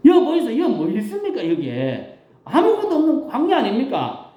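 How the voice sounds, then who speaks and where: A man's voice: extremely high pitch, huge pitch swings, normal speed, mellow, reverberant, voice pushed up, full character voice. A man with a Gyeongsang accent voicing hungry, complaining male disciples in a folksy, exaggerated way. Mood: incredulous.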